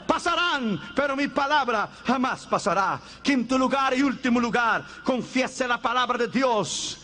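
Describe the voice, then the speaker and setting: A male preacher delivering a fervent sermon, often breaking into shouts and telling stories with lively acted dialogue. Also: very high voice. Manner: animated storytelling with acted dialogue.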